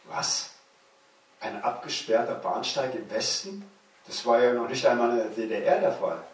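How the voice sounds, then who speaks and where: Echoey older man reading his memoir. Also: medium pitch. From Germany. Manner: measured, slows for suspense. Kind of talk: literary reading. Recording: very echoey room, distant mic.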